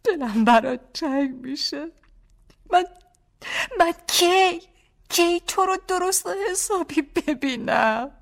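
A woman voicing a tearful young wife. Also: a bit bright. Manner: high, tearful, reproachful pleading. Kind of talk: audiobook character voice.

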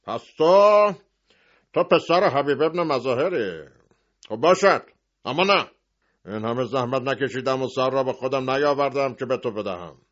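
A man voicing a callous grown horseman who talks down loudly and mockingly. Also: mid-range voice, expressive, pitched above the performer's own voice, lightly acted. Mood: taunting. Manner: loud and taunting. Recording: dull lo-fi recording.

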